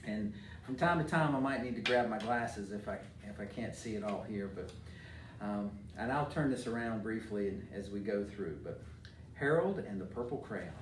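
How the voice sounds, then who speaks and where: A middle-aged American man, a mayor, talks informally to children and reads them a storybook as a community leader. His lowish voice is animated and moves at normal speed. The distant mic picks up a roomy echo and faint noise.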